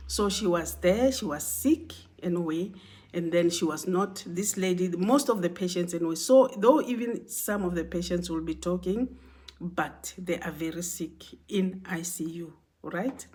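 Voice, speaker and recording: A woman's voice: lowish voice, measured pace, a little mellow. A woman casually telling a work story to her viewers, repeating herself and linking everything with "and then" and "you know". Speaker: vlogger telling a workplace story.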